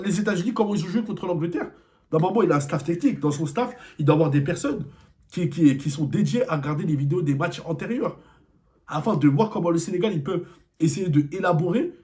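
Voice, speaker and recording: An angry man rants through a football debrief, circling back to the same complaints again and again. His voice sits slightly high, and soft music plays underneath. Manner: angry, repetitive rhetorical questions. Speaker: football vlogger. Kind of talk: post-match debrief rant.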